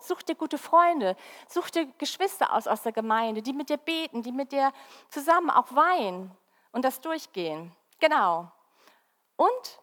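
Lively woman preaching in a reverberant hall. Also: sits high. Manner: lively, addresses listeners directly with questions. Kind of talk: Christmas sermon.

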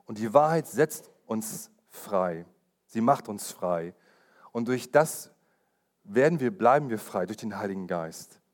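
A man's voice: on the low side, animated, measured pace, a little mellow. Earnest man preaching with repeated emphasis. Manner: personal testimony told with urgency. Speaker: pastor. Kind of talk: sermon.

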